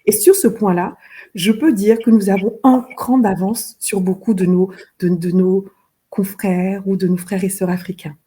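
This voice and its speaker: Woman from benin, middle-aged, dark husky voice, keeps repeating words as she thinks. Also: mid-range voice, steady tone, normal speed. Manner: earnest, repeats words often while searching. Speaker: guest, fashion designer. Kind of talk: interview conversation.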